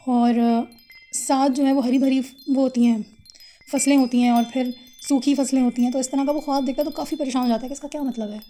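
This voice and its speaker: A woman's voice: high voice, dark tone. A woman casually narrating a religious story, retelling each scene in simple conversational words with the odd filler and self-correction.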